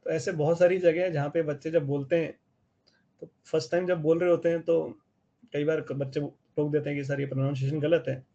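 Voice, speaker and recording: Man, Indian accent, math teacher, live online class, gravelly voice, slightly muffled audio. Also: a little high, level tone, a little fast, warm tone. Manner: explains step by step with frequent "है ना?" check-ins.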